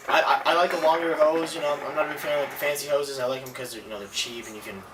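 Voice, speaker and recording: A man chatting casually as a co-reviewer, halting and often repeating his words. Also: a little high, steady tone. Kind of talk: casual chat, informal product review. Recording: roomy, distant mic, clearly noisy.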